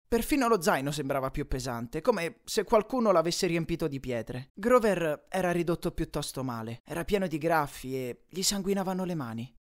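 A man narrates a first-person adventure audiobook. His voice is animated, with wide swings in pitch. He reads dramatically, sinking low and quiet when the tension builds. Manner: dramatic, dropping low and quiet on tense lines. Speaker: audiobook reader.

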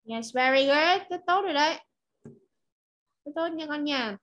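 Bright slow-speaking Vietnamese-accented woman teacher. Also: sits high, expressive, dull audio. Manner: slow drilled modelling of words, then quick explanations. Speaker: English pronunciation teacher. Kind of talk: online class teaching. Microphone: video call.

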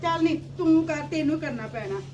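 High-voiced scolding mother, distant mic. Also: animated, normal speed, lo-fi sound. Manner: fussing, scolding and exasperated. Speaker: mother in a family skit. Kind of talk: scripted family comedy skit. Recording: distant mic with loud background noise.

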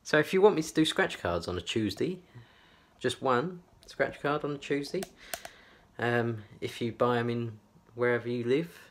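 A man's voice: medium pitch, expressive, moderate pace. A man chatting to camera from his small bedroom, rambling and repeating himself with lots of fillers. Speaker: vlogger. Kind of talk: casual chat to camera. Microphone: camera on a tripod.

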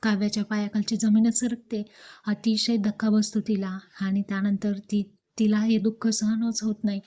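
A woman's voice: medium pitch, little pitch movement, normal speed, mellow. A woman retelling the scenes of a TV serial episode as a story, reading out the characters' lines as she goes.

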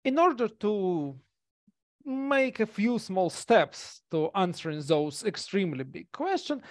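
Speaking into a gaming headset in a small room, a conference presenter from Russia gives an academic talk by video call, hesitating often with fillers and restarts. His voice is high, on a dry, studio-quality recording.

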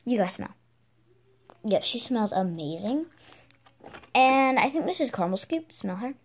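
Female doll vlogger with a fairly high voice, casual and chatty. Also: lively intonation, unhurried, breathy edge. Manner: chatty, talks to viewers and dolls as if real. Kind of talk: casual vlog chat.

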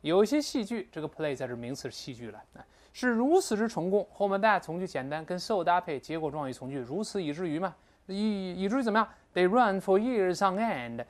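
In this recorded textbook lecture, a female English teacher explains the text with energy. Though her pitch rests a bit low, it rises and falls easily, and she drags English phrases out slowly so each one is clear.

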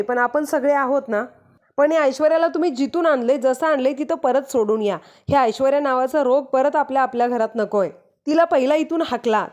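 Woman reading angry young daughter-in-law: high voice, accusing, pleading. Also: a little mellow, natural voice.

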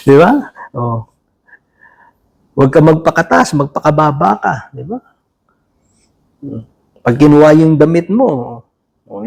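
With a high, creaky voice and a darkish tone, a man preaches in an informal, chatty way full of fillers and restarts. His sermon feels conversational, and he frequently asks the listeners questions.

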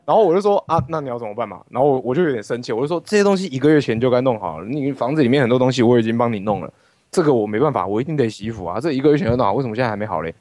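Fast-talking animated man. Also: mid-range voice, dry recording, clean studio sound. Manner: animated, swears freely, breaks into laughter. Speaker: livestream host. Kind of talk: casual storytelling chat. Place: his rented room at home.

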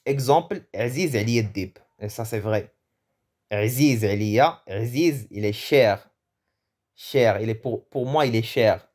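Slow-talking man teaching Arabic. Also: mid-range voice, darkish tone. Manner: joking, self-correcting, many restarts. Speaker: language teacher. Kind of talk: casual vocabulary lesson.

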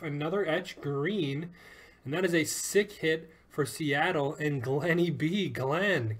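A man's voice: fairly high pitch, a little hiss or hum. A man hosting a live sports card break, upbeat and joking as he calls out each card and who it goes to.

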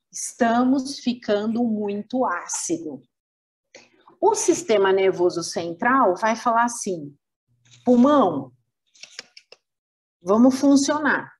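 Brief: Brazilian woman lecturer, husky, unhurried, poses questions to the class. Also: medium pitch, a little mellow. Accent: Brazilian Portuguese. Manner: didactic, rhetorical questions, acts out organs. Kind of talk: webinar lecture.

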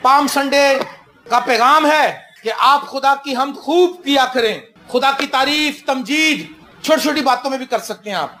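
High-voiced fervent male pastor preaching. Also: sharp tone. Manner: fervent preaching that mixes stern warnings with joking stories. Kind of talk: sermon.

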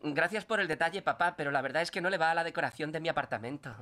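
A man's voice: on the high side, very fast, pushed and bright. A man dubbing a fussy, prissy younger brother in Castilian Spanish. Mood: polite. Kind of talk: sitcom dub acting. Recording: audible background hiss.

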